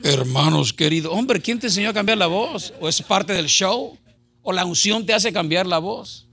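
A man's voice: high voice, lively intonation, moderate pace, a bit bright, breathy edge. A middle-aged male pastor preaching a sermon in an impassioned, conversational way, full of rhetorical questions.

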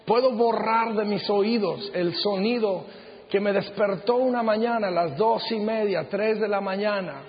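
Male preacher, middle-aged, high-pitched, earnest and measured; muffled recording with long reverb from a big auditorium. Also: slight background noise. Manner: earnest, measured preaching with slow emphatic phrases. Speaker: pastor. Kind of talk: sermon. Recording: dull sound with long hall reverb.

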